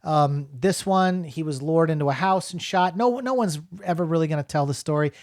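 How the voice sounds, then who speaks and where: A man's voice: on the high side, normal speed, a little mellow, no echo, clean studio sound. A middle-aged man from New Jersey giving a casual, rambling spoken film review, full of fillers and restarts.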